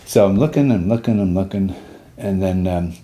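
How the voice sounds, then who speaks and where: A man in his sixties, a war veteran, recalling his past in a halting way, with restarts and trailing pauses. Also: sits low, mellow. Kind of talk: personal recollection.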